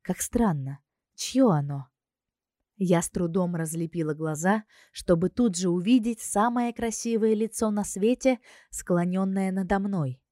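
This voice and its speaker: A woman narrating a fantasy novel in the first person, reading calmly and expressively. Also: mid-range voice, a little slow, no echo, studio quality. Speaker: audiobook narrator.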